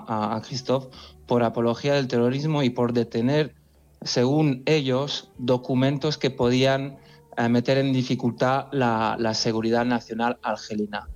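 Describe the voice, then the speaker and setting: A man's voice: mid-range voice, dull audio. A man from France in his forties, an editor being interviewed on the radio, speaking earnestly with many restarts and repeated words. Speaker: magazine editor in chief.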